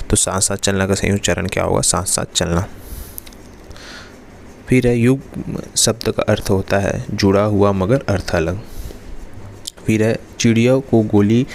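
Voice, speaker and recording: A man's voice: lowish voice, a little hiss or hum. A man teaching exam-prep lessons, going through one question after another and repeating reminders to remember each answer. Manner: repeats "remember" and "then next" in a steady drilling rhythm.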